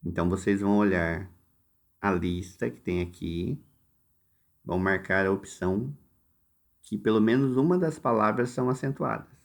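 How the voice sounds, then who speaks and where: A Brazilian man with a low, gravelly voice talks his students through workbook exercises. He speaks slowly, stressing each word, and gives patient step-by-step directions. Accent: Brazilian Portuguese. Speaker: Portuguese teacher. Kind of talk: recorded lesson walking through workbook exercises.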